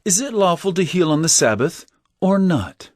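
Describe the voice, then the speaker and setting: An actor playing Jesus as an earnest teacher of parables in an audio drama, speaking in measured, emphatic oratory. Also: male voice, high-pitched, sing-song, darkish tone, no room sound, clean studio sound. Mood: instructive, earnest. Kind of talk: audio drama Bible acting.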